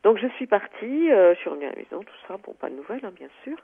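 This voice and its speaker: A woman's voice: medium pitch, sing-song, fast talker, creaky, breathy edge. A woman calling in to tell a personal story, talking hesitantly with many fillers and restarts. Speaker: caller. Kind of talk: phone-in personal account. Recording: tinny phone line.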